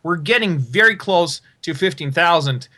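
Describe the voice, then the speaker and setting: Male esports host, bright, slightly high voice, upbeat hype-man delivery. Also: expressive, normal speed. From half American, half Russian. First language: Russian. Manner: upbeat, promotional, repeats phrases. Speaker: tournament commentator and host. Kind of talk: live esports commentary.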